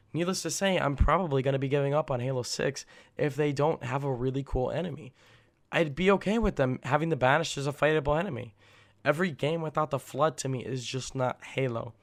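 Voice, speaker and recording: A young man speaks with a raspy voice that sounds worn by illness. He gives casual gaming commentary straight to his viewers, earnest and full of opinions, at a medium pitch. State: sick, rough voice. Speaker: gaming video creator.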